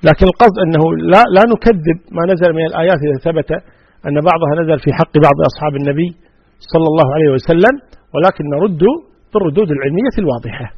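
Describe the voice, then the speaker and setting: Fast-talking husky sheikh. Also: male voice, on the high side, dry recording, lo-fi sound. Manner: reads out questions, then answers in a firm, plain way. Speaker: Islamic scholar answering questions. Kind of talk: religious question-and-answer session.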